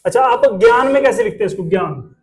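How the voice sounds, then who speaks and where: A man teaches a Hindi class, his voice sitting noticeably high. He quizzes the students over and over and makes them repeat each sound. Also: rapid-fire. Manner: asks the class questions and drills pronunciation. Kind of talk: classroom lesson.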